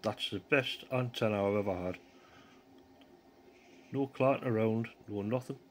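Speaking a little slowly in a lowish voice, a laid-back North East England man demonstrates his amateur radio gear on video, narrating informally as he goes. He starts outside in a yard and moves into a small living room, holding a phone camera while staying out of shot. The audio is noisy.

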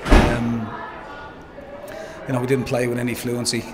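Irish man, 40s, football manager, level monotone speech, post-match interview, noise behind, handheld mic. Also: medium pitch. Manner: measured, frequent "um" and "you know". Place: pitchside interview backdrop, noisy.

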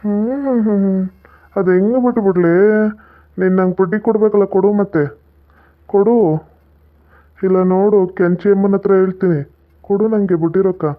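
An actor with a North Karnataka Kannada accent playing a pushy, lecherous middle-aged village moneylender with a coaxing drawl. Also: male voice, high voice, steady tone, normal speed, pauses often, natural voice. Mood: angry. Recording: tinny phone-like audio.

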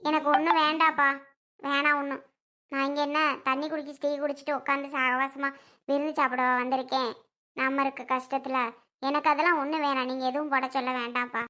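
High-voiced performer doing meddling visiting mother-in-law. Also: fairly quick, sharp tone. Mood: huffy. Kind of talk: family skit acting.

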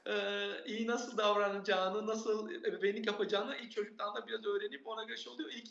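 A man with a high voice speaks as an expert guest, earnestly laying out examples one after another and repeating key points. His sound is roomy and echoey, and the audio is dull and muffled, as over a remote call. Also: fairly even intonation, brisk, creaky, fairly bright tone. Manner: earnest, explains with listed examples, repeats for emphasis. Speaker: expert guest on parenting and learning. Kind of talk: explanatory interview answers.

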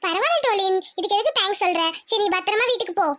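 A woman's voice: very high voice, lively intonation, fast talker, fairly bright tone. A woman voicing a chatty, cheerful little schoolgirl in a homemade cartoon. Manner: bubbly, chatty. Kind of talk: cartoon voice acting.

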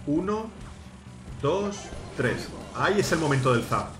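A man calls out a team match, coaching his teammates through every move and bursting into shouts when a play lands. His voice sits a little high. The sound is roomy, with game music playing underneath. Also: big pitch swings, a little slow. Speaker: gaming YouTuber host. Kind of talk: excited live gameplay commentary.

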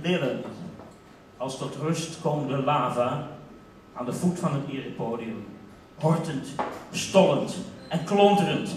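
A man giving a dramatic poetic recitation on a theater stage, swinging between hushed and loud declamation. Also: mid-range voice, expressive, slow pace, pauses often, slight background noise. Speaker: stage speaker. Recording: echoey theater, mic from far off.

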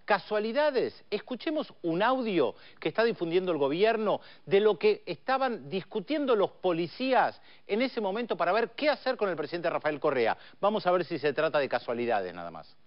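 A man's voice: high-pitched, sing-song, normal speed, highs cut off. A middle-aged Argentine man giving live commentary as an international affairs analyst on TV news. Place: TV news studio.

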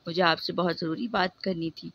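A shy young college woman asking for help politely and a little hesitantly, read aloud by a woman narrator. The voice is flat and even, and the recording sounds dull and muffled. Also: on the low side. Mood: anxious. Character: anxious young female college student, polite.

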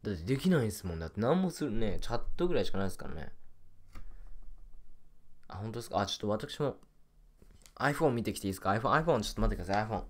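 A man's voice: fairly low pitch, big pitch swings, very fast, long pauses. A young man chatting casually while playing a mobile game, muttering and repeating little phrases to himself. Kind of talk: casual rambling gameplay chat.

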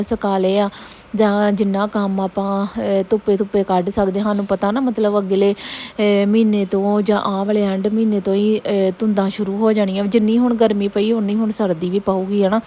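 Woman vlogger, Punjabi accent, mellow flat delivery, casual rambling chat. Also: mid-range voice, lo-fi sound. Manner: chatty, rambling, frequent tag questions. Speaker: family vlogger, mother.

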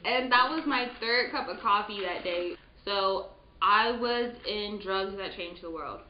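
A woman's voice: mid-range voice, measured pace. A young woman vlogger telling a story in casual chat, peppering her talk with "like". The sound is roomy and dull, with faint noise. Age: young adult. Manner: chatty storytelling, heavy use of "like".

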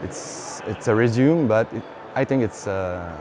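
A brewery founder in his thirties from Quebec, Canada, answers an on-camera interview in English, his second language, with a Quebec French accent. His voice is lowish and his halting sentences are full of fillers and restarts. He wears a lapel mic in an indoor beer festival hall, with hall noise behind him.

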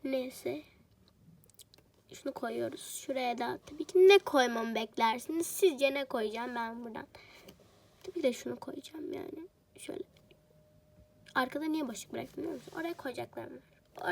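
A woman's voice: high-pitched, creaky. A woman chatting casually while she plays a home-building game. She rambles and jokes to herself, and she is a bit sick. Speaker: game streamer. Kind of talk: casual gameplay commentary.

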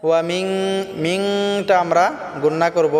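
Male recitation teacher with a Bangladeshi Bengali accent, high and slow chanting, long reverb with faint music. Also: steady tone. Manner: slow melodic chanting alternating with quick plain explanation. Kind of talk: recitation lesson, chanting verses then explaining pronunciation. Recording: echoey reverberant room with faint background music.

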